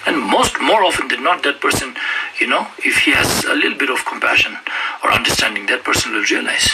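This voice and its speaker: A man's voice: medium pitch, sing-song, brisk. A man from Ladakh, giving an informal Buddhist teaching with frequent "you know" fillers. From Ladakh, India. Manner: conversational, many "you know" fillers, laughs at stories. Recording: voice from a distance with clear background noise.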